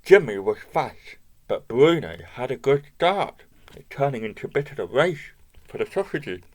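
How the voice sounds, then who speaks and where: A man's voice: medium pitch, big pitch swings, normal speed. A man reading a children's picture book aloud, asking the listener questions and pointing out the pictures. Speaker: storybook reader.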